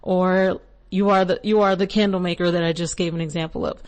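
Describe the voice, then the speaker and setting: A young millennial woman, a native English speaker, hosts a podcast offering casual spiritual advice, rambling chattily with lots of asides and laughter. Her lowish voice is brisk and fairly even in intonation.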